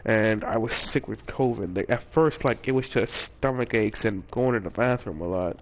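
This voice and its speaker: Heard at a moderate pace, a young vlogger with a voice on the low side wanders through a casual personal anecdote. He often uses fillers and corrects or restarts himself.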